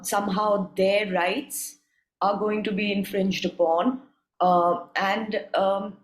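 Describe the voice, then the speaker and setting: A woman interviewing conversationally, phrasing her questions tentatively and with measure. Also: mid-range voice. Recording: roomy, echoing sound.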